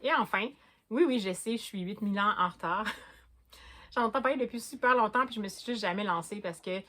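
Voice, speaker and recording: A woman's voice: medium pitch, moderate pace, sharp tone. A woman with a Québécois French accent chatting casually about books as a vlogger, hesitating often and restarting her sentences. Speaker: book vlogger.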